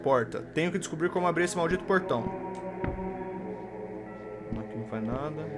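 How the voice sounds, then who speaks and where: A man's voice: fairly high pitch, animated, a little fast. A Brazilian Portuguese-accented man streaming a game live, muttering through puzzles, swearing often and bantering with his chat. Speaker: gaming streamer. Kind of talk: live gameplay commentary. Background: game music.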